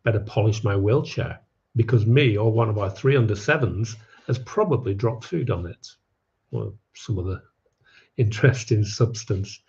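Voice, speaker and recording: A man's voice: fairly low pitch, moderate pace, gravelly, darkish tone, lo-fi sound. A man telling his own life story to an audience, with wry, self-mocking asides. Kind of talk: personal storytelling talk.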